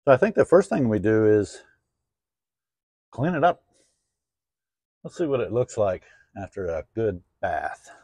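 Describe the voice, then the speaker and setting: Husky and darkish, the man's lowish voice has a sing-song lilt, moving unhurriedly with long pauses. He is a garage vlogger talking to himself and cracking dry jokes while he works on an old car outside. The voice is dry, set against a noisy backdrop of engine and outdoor sound.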